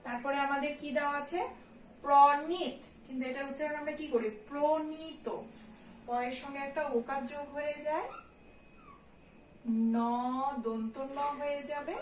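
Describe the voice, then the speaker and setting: Woman, teacher, high voice, slow patient explaining, echoey room, faint background noise. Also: steady tone, far from the mic. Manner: slow, explains step by step and checks in with "কেমন?". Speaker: college Bangla teacher. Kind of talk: recorded online lesson.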